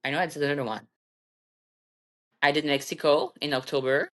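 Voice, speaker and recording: Low-voiced French Canadian woman. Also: fairly even intonation, fairly quick. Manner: slightly nervous, chatty with fillers. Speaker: podcast guest, bodybuilder. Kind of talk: casual interview chat.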